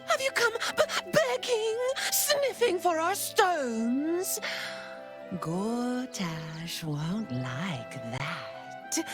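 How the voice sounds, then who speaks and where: A woman voicing a mocking, menacing shapeshifting cult assassin in a video game, theatrical and taunting. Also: medium pitch. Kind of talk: video game villain acting. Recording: music behind the voice.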